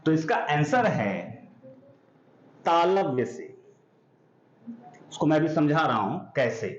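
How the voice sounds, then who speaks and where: A man teaching an exam-prep grammar lesson, patiently spelling out sounds and often asking if it is clear. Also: fairly high pitch, sing-song, takes it slowly, slight background noise. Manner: explains patiently, drawing out sounds and checking understanding. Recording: echoey room, dull lo-fi sound.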